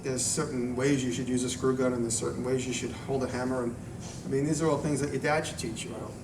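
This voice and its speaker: A man gives an informal talk and answers questions in a conversational, meandering way, often restarting his thought. His voice sits at an average pitch and is picked up from a distance in a reverberant room, with clear noise behind him. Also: steady tone, quick pace. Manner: conversational, rambling, self-interrupting. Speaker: video maker giving a talk and taking audience questions. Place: echoey room at a live event. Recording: echoey room, distant mic, noisy background.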